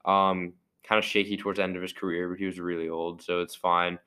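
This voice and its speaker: A man's voice: sits low, little pitch movement, fairly quick, pushed and bright, clear, resonant tone. A young man co-hosting a casual sports podcast, talking loosely with many fillers and a mocking edge. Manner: rambling, filler-heavy, mocking. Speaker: podcast co-host. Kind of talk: casual chat.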